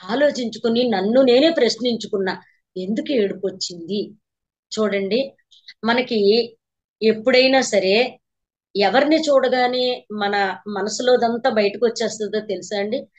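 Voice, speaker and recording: A woman's voice: on the high side, unhurried, pauses often. A woman meditation teacher giving a spiritual talk to a class, telling her story earnestly and repeating phrases for emphasis. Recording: slightly dull lo-fi recording.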